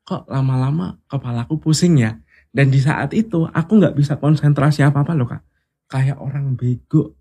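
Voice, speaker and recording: Husky man telling a story casually. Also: mid-range voice, moderate pace. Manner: animated, acts out quoted voices. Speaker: interview guest.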